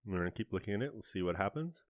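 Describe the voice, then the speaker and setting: A man's voice: on the low side, animated, rapid-fire, no room sound, clean studio sound. A man hosting a casual on-camera candy review, chatty and describing each flavor in detail with small asides. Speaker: candy reviewer, channel host.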